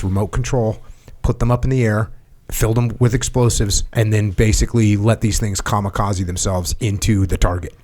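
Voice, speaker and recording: A middle-aged man hosts a podcast in a casual interview format, putting blunt, probing questions to his guest and telling a story plainly. His voice is fairly low in pitch with a darkish tone.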